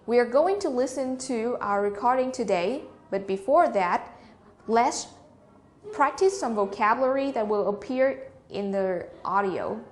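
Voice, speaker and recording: Slow-talking woman teacher. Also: fairly high pitch, lively intonation. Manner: explains slowly, switching between English and Vietnamese. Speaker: English teacher. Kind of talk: bilingual classroom instruction.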